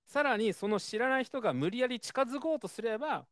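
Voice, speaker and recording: A man preaching a sermon in a conversational, expressive way, with frequent fillers. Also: very high-pitched, fairly quick, no echo, studio quality.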